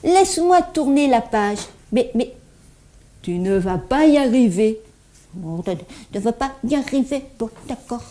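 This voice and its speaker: A woman's voice: on the high side, expressive, measured pace, warm tone. A woman voicing a cheerful, eager little child puppet who stutters heavily while telling a Bible story to children. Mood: storytelling. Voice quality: heavy stutter, repeats words many times.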